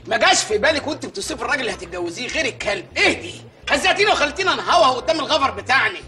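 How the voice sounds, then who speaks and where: An actor playing a bumbling, short-tempered village mayor in a comedy sketch, with an Egyptian accent, ranting and pleading loudly. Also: male voice, very high voice, big pitch swings, rapid-fire, heavily acted. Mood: exasperated. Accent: Egyptian Arabic. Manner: loud comic ranting and pleading.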